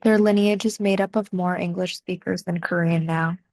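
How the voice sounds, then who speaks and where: A young American woman reads a scripted, reflective personal essay in a measured, soft-spoken way, with deliberate pauses. Her voice is a little low for a woman and steady in tone. The sound is dry and close, with no room around it.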